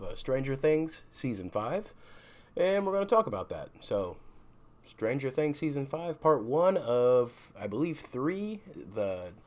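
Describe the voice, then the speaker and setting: A man's voice: mid-range voice, darkish tone. A man who is sick, ranting bluntly and casually about a show as a vlog host, swearing freely. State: sick, rough voice. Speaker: vlogger host.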